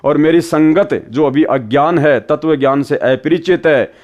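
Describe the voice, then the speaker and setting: A man's voice: fairly high pitch, unhurried, a little mellow, muffled recording. A man preaching a devotional sermon in an earnest, admonishing way, retelling a parable. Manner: earnest, admonishing, acts out quoted voices in a story.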